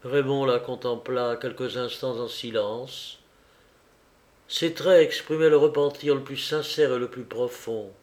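A man narrating a classic novel in a measured, steady reading voice. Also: medium pitch. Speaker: audiobook narrator.

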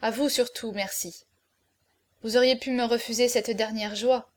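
A grave, noble hero facing his death speaks in solemn, measured sentences, read by a woman. The voice sits fairly high for the part and stays calm. It suits a classic adventure audiobook. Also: natural voice. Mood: tender. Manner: solemn, measured farewell speeches. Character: noble condemned male hero, grave and tender. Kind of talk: audiobook character reading.

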